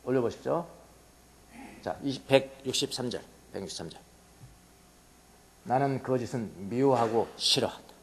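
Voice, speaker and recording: Animated male pastor in a reverberant church. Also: mid-range voice, moderate pace, pauses often, slight background noise. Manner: animated, swinging from hushed asides to loud exclamations. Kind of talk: sermon. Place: church sanctuary. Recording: long reverb of a church hall.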